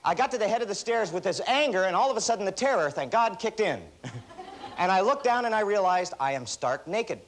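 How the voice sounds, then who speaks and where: Guy doing a motivational talk, kinda high voice, tells funny stories on himself. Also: fairly quick, background noise. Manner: animated, self-deprecating storyteller. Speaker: motivational speaker. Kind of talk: seminar talk with anecdotes.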